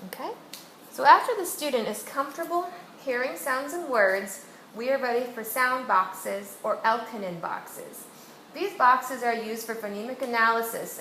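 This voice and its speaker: A woman teacher walks a student through a reading exercise, pronouncing each word slowly and deliberately so every sound can be heard. Her voice sits somewhat high. The recording carries a roomy echo and a faint background hiss. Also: sharp tone. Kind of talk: instructional demonstration with a student. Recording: echoey room with faint noise.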